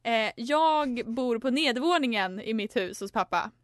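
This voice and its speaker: A young woman co-hosting a student radio show, casually telling a lively story and laughing often. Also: fairly high pitch, dry recording, studio quality. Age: young adult. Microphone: studio microphone.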